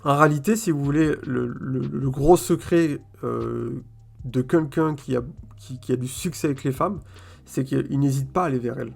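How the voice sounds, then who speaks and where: Gravelly man musing in slang. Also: mid-range voice, normal speed, a little mellow. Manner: colloquial, repeats words and fills with "euh" often; addresses viewers directly, "si vous voulez", "ok?". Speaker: vlogger. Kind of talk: casual opinion monologue to camera.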